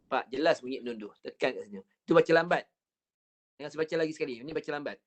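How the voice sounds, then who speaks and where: A man with a Malaysian Malay accent teaching an online Quran recitation class, drilling sounds patiently with counted repetitions and drawing out words slowly to demonstrate. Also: on the high side, animated. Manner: stretches words very slowly when showing the recitation. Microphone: computer mic on a video call.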